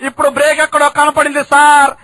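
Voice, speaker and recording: A man's voice: very high voice, monotone, fast, bright, forceful tone, voice pushed up. A man voicing a clumsy bus driver who speaks in a deferential, apologetic way, in a mimicry sketch.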